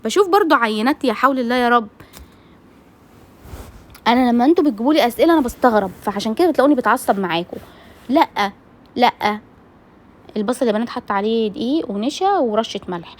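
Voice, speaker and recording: A woman with an Egyptian Arabic accent, chatting while she cooks in her home kitchen. She talks outspokenly and straight to her female viewers. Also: fairly high pitch. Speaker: cooking vlogger. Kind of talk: casual chat while cooking.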